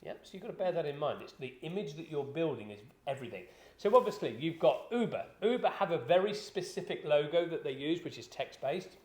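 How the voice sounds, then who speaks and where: A man's voice: on the high side, animated, brisk, few pauses, a little mellow. Rambling man in an echoey room. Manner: rambling, conversational, many fillers and restarts. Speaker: business podcast host. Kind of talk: casual explanatory chat.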